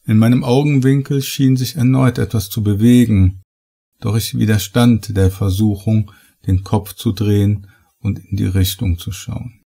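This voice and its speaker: Male horror audiobook narrator, dark and mellow tone, raspy edge, measured delivery. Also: lowish voice, steady tone.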